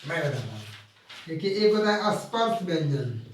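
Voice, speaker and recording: A man teaching a grammar lesson live, explaining slowly and repeating key terms while drawing out the example sounds. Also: fairly high pitch, big pitch swings, a little hiss or hum. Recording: very echoey room, voice from far off the mic.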